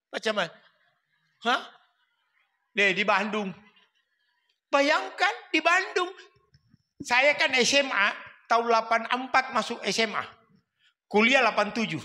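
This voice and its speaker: High bright-voiced preacher in echoey hall. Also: male voice. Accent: Makassar Indonesian. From South Sulawesi, Indonesia. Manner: storytelling, swaps into voices of mother and father. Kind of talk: humorous sermon with acted-out stories. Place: mosque hall.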